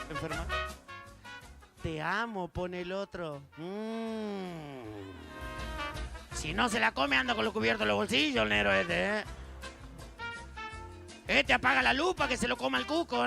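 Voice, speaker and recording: Argentine man, high raspy voice, slow teasing stage patter over live music. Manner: crude, teasing, shouted asides. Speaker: stage entertainer. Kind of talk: live stage banter and jokes. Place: outdoor winter festival stage. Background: music and crowd.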